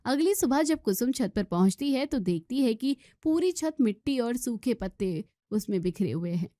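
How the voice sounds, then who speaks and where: A woman reads a scripted moral story in a plain storytelling manner. Her voice sits fairly high. The recording is dry and close. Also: expressive, moderate pace, warm tone, no room sound. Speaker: narrator.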